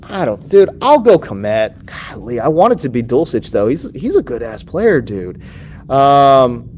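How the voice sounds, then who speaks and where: A male host running a casual sports Q&A. His pitch bounces all over the place, and he lurches from loud, incredulous outbursts to low mumbled asides, using plenty of slang. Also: slight background noise. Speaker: host of a fantasy football advice show. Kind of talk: casual livestream question-and-answer.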